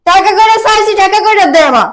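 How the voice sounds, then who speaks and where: A demanding mother-in-law scolds her son's wife over missing money, played by an actress. Her voice sits very high and her tone stays sharp and accusing throughout. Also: fast talker. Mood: scolding. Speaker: actor in a village comedy skit. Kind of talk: skit acting.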